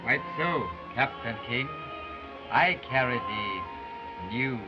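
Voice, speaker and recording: An actor playing a solemn man who brings news to a fugitive, speaking in a measured, stagey way on an early talkie film soundtrack. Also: medium pitch, expressive. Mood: grave. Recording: muffled old film sound with music.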